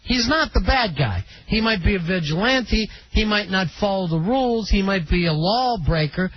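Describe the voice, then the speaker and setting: A man's voice: high-pitched, animated, moderate pace. A man hosting a call-in radio show, chatty and opinionated, taking callers on the line. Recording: dull lo-fi radio broadcast.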